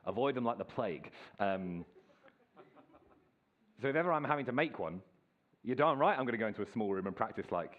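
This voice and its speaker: A man's voice: on the low side, fairly quick, pauses often, phone-quality sound. Casual preacher man. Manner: casual, self-deprecating, lively storytelling. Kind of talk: sermon. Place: church hall.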